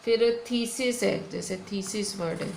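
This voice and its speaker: Slow indian lady teacher, bit of fry in her voice, roomy echo, faint hum behind. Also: medium pitch, a little mellow. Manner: slow, patient explaining with frequent "theek hai". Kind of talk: online grammar lesson. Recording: echoey room with faint ambience.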